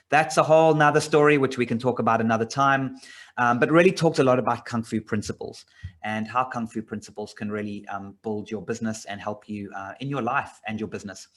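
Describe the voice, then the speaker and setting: A man's voice: mid-range voice, fairly bright tone. A middle-aged man from South Africa giving a casual slide presentation about his business, rambling a bit with many fillers and restarts. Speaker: business owner presenting a job opportunity.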